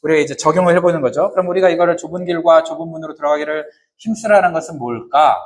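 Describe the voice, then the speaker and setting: A man's voice: on the high side, rapid-fire. A man preaching a sermon who keeps asking the congregation questions and answering them himself, in casual, joking everyday words. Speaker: pastor.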